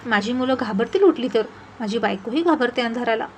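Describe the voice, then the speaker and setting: A woman's voice: a little high, animated, brisk, slight background noise, natural voice. A woman voicing a cheerful older village man in a storybook tale, with a jolly, teasing, folksy way of talking.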